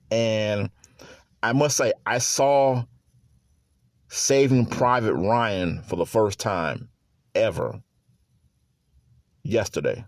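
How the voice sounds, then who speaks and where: A man's voice: lowish voice, no room sound, clean studio sound. A man hosting his own sports podcast in a casual solo chat, easygoing and prone to chuckles and repeated words.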